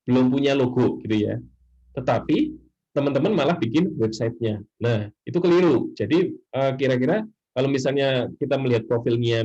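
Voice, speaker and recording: A middle-aged man from Indonesia lectures students in a relaxed, chatty way, circling back with fillers. His voice is warm, a little husky and dark. The sound is dull and lo-fi, as from a laptop mic. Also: medium pitch. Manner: chatty, many fillers, often trails off with "nah, seperti itu". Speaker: university lecturer. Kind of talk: casual lecture.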